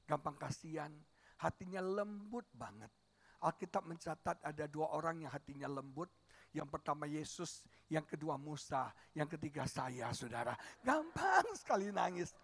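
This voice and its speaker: Animated man preaching, gravelly high voice. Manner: animated, swings from soft to loud, storytelling. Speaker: pastor. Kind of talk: sermon. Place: church stage.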